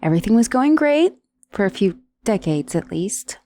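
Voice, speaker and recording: Voicing an undead dullahan's severed head for an ASMR roleplay, a woman sounds sheepish and wry, dryly sardonic and conversational, menacing but wistful, sighing and hesitating. Her warm, mid-range voice is very animated at a moderate pace.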